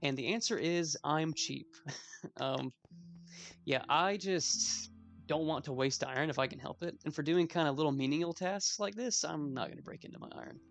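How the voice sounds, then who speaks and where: A man's voice: on the high side, normal speed, vocal fry, soft background music. A 21-year-old man giving casual gameplay commentary as a let's play host, rambling with self-mocking asides.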